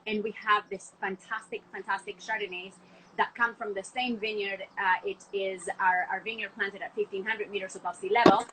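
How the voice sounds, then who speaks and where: Calling into a casual podcast from her home with a window view of the city, a young Argentine wine export manager gushes about wine, chatty and full of "like" fillers. Her medium-pitched voice has little pitch movement and a normal speed, and the background is noisy.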